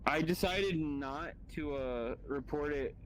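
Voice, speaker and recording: A man's voice: on the high side, slow pace, a bit bright, a little hiss or hum, poor audio. Hesitant man thinking aloud. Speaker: roleplay player. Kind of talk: casual chat.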